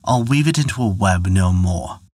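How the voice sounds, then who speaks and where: Dude reading a calm young goddess weaver, soft spoken, lively lilt. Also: male voice, deep voice, normal speed, dry recording, studio quality. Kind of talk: storybook narration.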